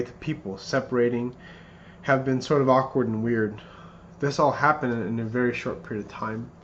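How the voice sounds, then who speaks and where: A man in his thirties rehearsing a best man's wedding speech in an earnest, somewhat halting way, often repeating phrases. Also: mid-range voice, a bit bright. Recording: muffled lo-fi, clear background noise.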